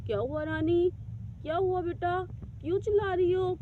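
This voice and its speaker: A caring mother voiced by a woman reassures her scared daughter in a homemade doll story. She speaks high and unhurried, and her tone is soothing. The sound is dull and lo-fi, with steady noise behind her. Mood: reassuring. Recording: dull lo-fi with loud background noise.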